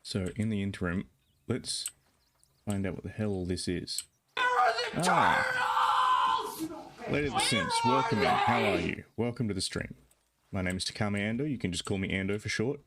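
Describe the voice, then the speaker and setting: A man streaming a video game and chatting along in a jokey, casual way. His voice sits very low. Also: brisk, noisy background. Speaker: livestreamer. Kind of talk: casual gaming commentary.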